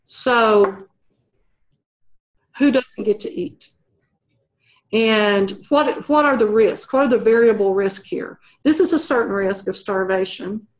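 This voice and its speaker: A woman's voice: medium pitch, takes it slowly, pauses often. A middle-aged woman talking through an interview in a thoughtful way, with many fillers and restarts. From United States. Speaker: program evaluation professor, interview guest. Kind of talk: conversational interview.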